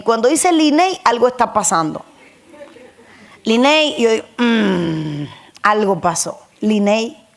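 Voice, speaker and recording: Pastora de voz aguda, predicación pausada. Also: female voice, high-pitched. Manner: emphatic, repetitive preaching cadence, asks the congregation questions. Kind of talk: sermon.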